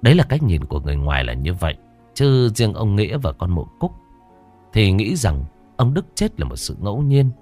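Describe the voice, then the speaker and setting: A man narrating a horror story in a dramatic, expressive way. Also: on the low side, brisk, soft background music.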